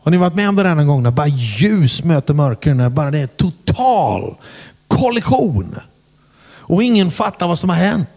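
A man preaches in a lively storytelling style, often asking the congregation whether they are with him. His voice sits a bit high for a man and carries a long hall reverb. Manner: animated, asks the crowd "are you with me?"; shouts acted quotes in English. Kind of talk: storytelling sermon. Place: church hall before a congregation.

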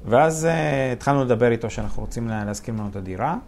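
A man's voice: mid-range voice, gravelly, a little mellow. A man who is a real estate investor, a guest on an interview show, telling stories animatedly, laughing often and acting out the dialogue. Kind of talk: casual storytelling interview.

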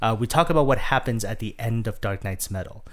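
A man's voice: fairly low pitch, fairly quick. A man co-hosting a podcast, chatting casually with many fillers and restarts. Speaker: podcast co-host. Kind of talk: casual chat.

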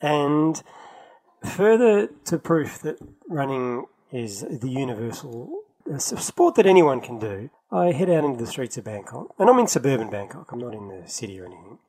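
Male podcast co-host, animated delivery, a touch husky, chatty and quick to laugh. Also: mid-range voice, poor audio. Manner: chatty, laughs often, lively storytelling. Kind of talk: casual chat. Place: travelling, in London.

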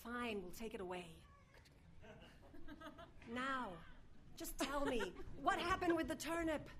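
A woman's voice: sits high, big pitch swings, slow, a crowd in the background, heavily acted. A woman playing brash, impatient, cheeky characters in improvised sketch comedy, speaking with emphasis. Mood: exasperated. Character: exasperated female solicitor and cheeky, combative quiz contestant.

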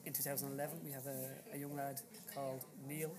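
A man with an Irish accent giving a casual, halting interview as an author, in a low-quality recording. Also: level tone, music in the background. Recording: low-quality recording, loud crowd chatter behind.

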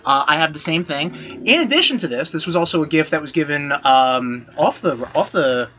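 A man's voice: fairly high pitch, animated, moderate pace, sharp tone, muffled recording. A man co-hosting a comedy podcast, giving hyped mock red carpet commentary with casual, sweary banter. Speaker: podcast co-host.

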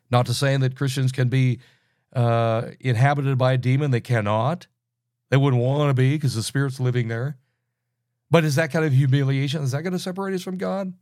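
A man's voice: mid-range voice, a little mellow, no echo, studio quality. Man teaching Bible with rhetorical questions. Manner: conversational, many restarts, asks rhetorical questions.

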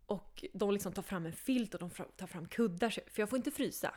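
A young woman, a podcast guest, telling a personal story in a casual, animated way, often laughing and acting out what people said. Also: mid-range voice.

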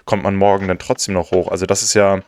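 A man's voice: deep voice, little pitch movement, fast, a little mellow, slight background noise. A man hosting a casual podcast interview, asking long, hesitant questions full of restarts. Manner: hesitant, many fillers and restarts while forming questions. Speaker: podcast host.

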